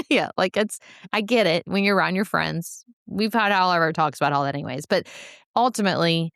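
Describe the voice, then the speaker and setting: A middle-aged woman with a low, gravelly voice, chatting casually as a podcast co-host. She tells a story with lively energy, laughs often and slips into the voices of the people she quotes. The sound is dry and close. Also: a little fast, no echo. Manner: animated, laughing, acts out quoted speech.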